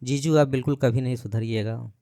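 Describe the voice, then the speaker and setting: A man's voice: medium pitch, steady tone, a little fast, warm tone, no room sound, natural voice. Cheerful young sister-in-law, read by a man. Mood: coaxing.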